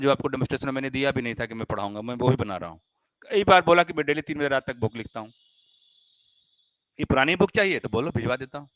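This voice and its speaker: A man teaching a live online class, animated and playful, now and then scolding students for their comments. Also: mid-range voice, no echo, clean studio sound.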